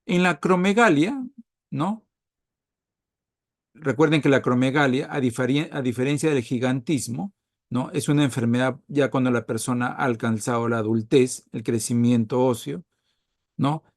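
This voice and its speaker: Lively man giving a dry-sounding lecture. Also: mid-range voice, moderate pace, dry recording. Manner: frequent tag questions, animated emphasis. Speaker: medical lecturer. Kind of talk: recorded medical lecture.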